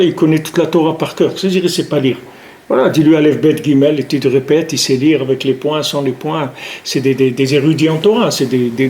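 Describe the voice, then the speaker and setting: A man's voice: fairly high pitch, a little mellow. A man giving a spoken religious lesson, repeating points emphatically and asking rhetorical questions. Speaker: rabbi teaching. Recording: echoey room.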